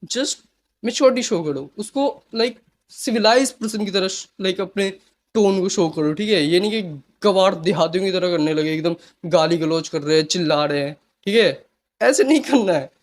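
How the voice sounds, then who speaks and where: A man's voice: high-pitched, moderate pace. A young man talking casually to camera, giving motivational advice in a chatty way and often checking in with the listener. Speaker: self-help vlogger.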